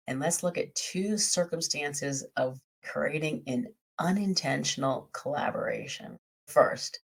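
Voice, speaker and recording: Low-voiced woman with a scratchy throat. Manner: methodical, lists terms and walks through examples. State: scratchy, hoarse voice. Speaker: podcast host. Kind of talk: explanatory podcast monologue.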